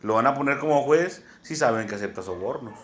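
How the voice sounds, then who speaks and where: A man with a Mexican accent preaching a sermon, teaching slowly and often checking in with "¿verdad?". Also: medium pitch, animated. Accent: Mexican Spanish. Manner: unhurried teaching tone, many "¿verdad?" asides, spells words out.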